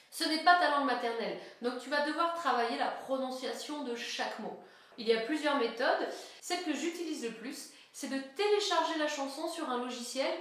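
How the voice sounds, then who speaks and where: A woman giving a singing lesson, explaining each step plainly and speaking straight to the viewer. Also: high-pitched. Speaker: singing teacher. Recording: very echoey room.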